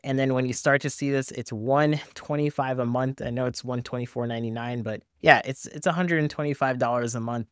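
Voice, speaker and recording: A tech reviewer in his thirties hosts a casual screen-share review, talking candidly and conversationally straight to viewers. His mid-range voice is clear and resonant, captured by a close desktop microphone in front of him in a small indoor home office or studio with no room sound.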